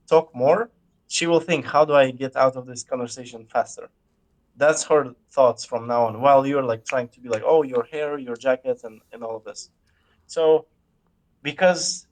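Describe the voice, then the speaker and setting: A man in a casual conversation, explaining ideas in a measured way and often pausing to search for words. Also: medium pitch. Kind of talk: casual chat.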